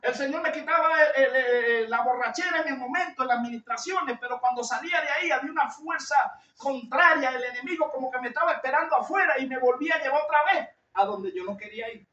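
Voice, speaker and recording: A man with a Venezuelan accent gives a sermon in a very high, loud, shouting timbre, earnest and confessional, calling his listeners brother. The sound is echoey and dull, picked up from a distance in a church hall. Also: fast talker, few pauses. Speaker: preacher.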